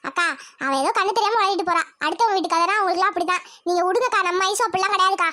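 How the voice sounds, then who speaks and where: A woman's voice: very high voice, rapid-fire, bright, forceful tone. A woman voicing a chatty, agreeable neighbour. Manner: agreeable, reassuring, deferential.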